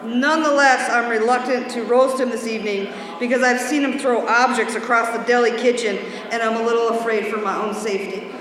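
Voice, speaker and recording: A woman's voice: on the high side, steady tone, a little fast, few pauses, a crowd in the background. A woman emceeing a roast, teasing the roasters as she introduces them. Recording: very echoey hall with audience.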